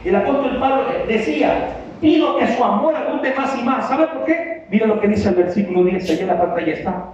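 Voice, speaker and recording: Man, pastor, high voice, emphatic sermon with questions to the flock, recorded far off in a dull, boomy church hall. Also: a little mellow. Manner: emphatic, with rhetorical questions to the congregation. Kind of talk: preaching a sermon. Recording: very echoey hall, distant, dull sound with faint noise.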